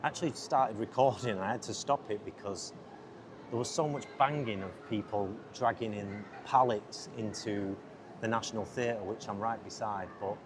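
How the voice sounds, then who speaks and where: A man with a lowish voice at a moderate pace hosts a podcast outdoors on a busy city riverside. A filmmaker as well, he is chatty, rambling, easily distracted, and keeps interrupting himself. His lapel mic picks up loud surrounding noise.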